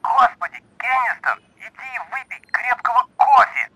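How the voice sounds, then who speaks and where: A man voicing a gruff, irritable male doctor who is roused while shaving and barks down a telephone line. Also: very high voice, sing-song, normal speed, heavy background noise, pitched above the performer's own voice. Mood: annoyed bellowing. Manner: barking, exasperated.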